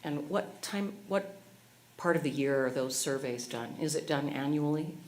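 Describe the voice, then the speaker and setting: A woman school board member asking polite, halting questions at a meeting. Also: deep voice.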